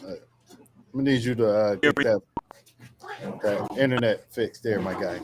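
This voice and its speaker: A man's voice: on the low side, a little slow, noisy background. A man chatting casually on a podcast from his home office over a video call, joking and teasing the others.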